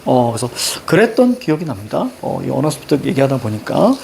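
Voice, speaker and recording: A middle-aged man lectures a class on reading, standing in a room with a blackboard and walking students through what to underline and what to circle. His medium-pitched voice is brisk and creaky, and a slight hiss or hum runs underneath. He sounds animated and commanding as he drills each step.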